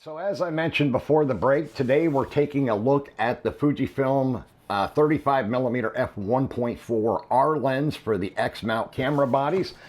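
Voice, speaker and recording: A man unboxing and reviewing a camera lens, explaining in a relaxed way with frequent ums and uhs. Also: mid-range voice, moderate pace, few pauses.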